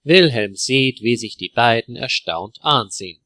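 A man narrating a simple story in a clear, deliberate way for language learners. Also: medium pitch, animated, sharp tone, dry recording.

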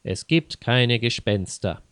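A man's voice: mid-range voice, animated, slow pace, a bit bright, no room sound, studio quality. A man voicing a blunt, skeptical man who mocks and scoffs. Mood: scornful. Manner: mocking, scornful.

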